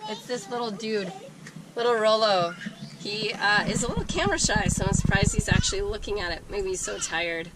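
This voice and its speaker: A woman in her thirties with a smoker's rasp from a cold, giving a casual, chatty explanatory vlog tour inside a van. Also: mid-range voice, animated, brisk. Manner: informal, chatty, self-deprecating asides. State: congested with a cold. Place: inside a small camper van, doors open. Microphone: camera mic within a few feet. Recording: noisy handheld action-camera audio inside van.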